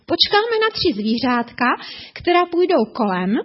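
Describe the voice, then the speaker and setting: A woman voicing a frightened male hunter in a storybook tale, protesting loudly and urgently. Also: sits high, very animated. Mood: bargaining. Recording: dull lo-fi recording.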